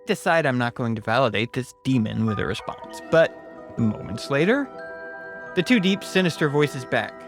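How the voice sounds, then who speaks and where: A man's voice: mid-range voice, very animated, normal speed. A man reading a scripted first-person horror story as its narrator. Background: music.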